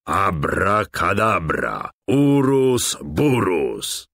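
A man voicing a sly, treasure-hoarding male lord of darkness in a children's game, speaking slowly and mockingly. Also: sits low, very animated, creaky, a bit bright, no room sound, full character voice. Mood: gloating. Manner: mocking, gloating, slow and drawn out.

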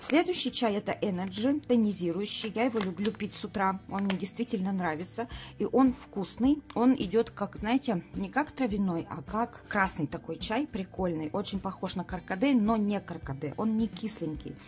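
Filmed from overhead at a table in a bright room, a woman in her late thirties casually reviews herbal teas with real enthusiasm. Her voice is medium in pitch, a little mellow, at a moderate pace.

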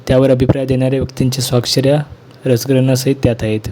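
Man reading a school lesson flatly. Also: mid-range voice. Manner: plain, measured reading with small restarts. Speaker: reader of a school textbook lesson. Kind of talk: reading a textbook lesson aloud.

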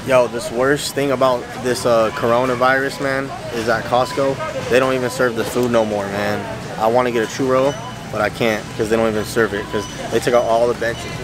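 With a flat, slightly quick delivery at medium pitch, the young fitness vlogger keeps his warehouse-store shopping vlog loose and jokey, full of slang. Store noise is loud in the background.

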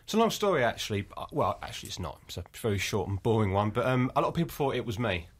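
Fast-talking jokey man from Essex. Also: lowish voice, big pitch swings, slightly rough. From Essex, England. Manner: jokey, rambling, self-mocking. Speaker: guest, spoof news writer. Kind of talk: casual interview chat.

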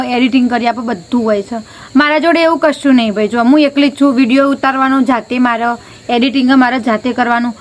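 A woman chatting casually to the camera on a village rooftop as a family vlogger, talking into a handheld phone and filling her talk with friendly little filler words. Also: a little high. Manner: chatty, keeps adding a friendly filler word.

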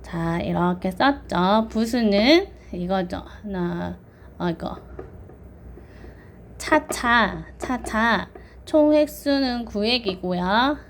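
A woman's voice: medium pitch, animated, extremely slow, slight background noise. A woman teaching children online, patiently counting strokes aloud and drilling pronunciation.

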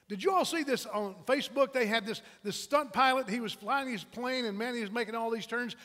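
A man's voice: very high-pitched, a bit bright. A male pastor preaching a sermon in a church, talking in a conversational, anecdotal way with frequent restarts. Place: church sanctuary. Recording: long hall reverb.

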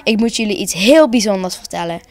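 A woman's voice: medium pitch, expressive, fairly quick, close to an everyday voice. A woman voicing an old, kindly head Santa who speaks solemnly to his villagers in a children's story. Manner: warm, solemn storybook speech.

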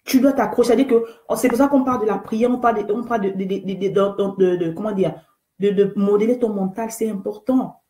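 A woman's voice: mid-range voice, fast, warm tone, echoey room. A woman hosting a live faith talk, earnest and exhortative, repeating key phrases and greeting viewers by name. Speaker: host of an online faith talk show.

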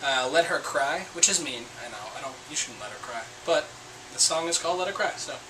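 In a small room, a young man in his twenties chats casually to his webcam as a vlogger, rambling and poking fun at himself. His voice is fairly high and animated, and he talks a little fast over a noisy background.

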